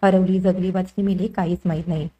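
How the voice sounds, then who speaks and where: A nervous male informant pleads and placates his boss, as a woman narrator reads him. The tone is mellow and even, in a drama recap. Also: fairly low pitch, a little fast, dull audio, natural voice. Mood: placating.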